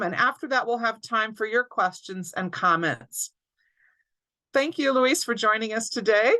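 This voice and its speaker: Host, female; crisp bright voice, runs through housekeeping before the interview on a video call. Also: fairly high pitch, rough recording. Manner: clear, orderly housekeeping announcements. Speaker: alumni director, interview host. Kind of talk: scripted webinar introduction. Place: home or office, online webinar.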